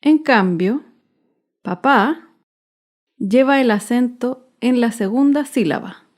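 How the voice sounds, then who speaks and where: A woman narrates a grammar lesson at an unhurried pace, pronouncing each example word slowly and clearly. Her voice sits somewhat high, and she leans on stressed syllables with deliberate care. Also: a little mellow. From Chile. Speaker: teacher.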